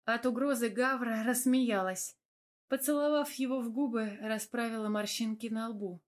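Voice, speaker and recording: A woman narrating a first-person romance novel in a smooth, even storytelling voice. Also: a little high, normal speed. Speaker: audiobook narrator.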